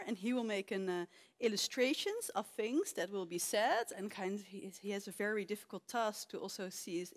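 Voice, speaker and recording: A woman moderating a live lecture event, talking casually with many fillers and small laughs as she questions the audience. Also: mid-range voice. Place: lecture hall.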